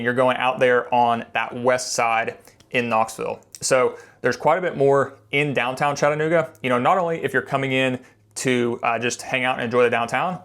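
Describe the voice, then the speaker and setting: A man from Tennessee talks through information in a casual, explanatory style. His pitch sits in the middle range for a man. He sounds like a local property guide, conversational and pointing things out as he goes. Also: fairly bright tone. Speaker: local real estate video presenter.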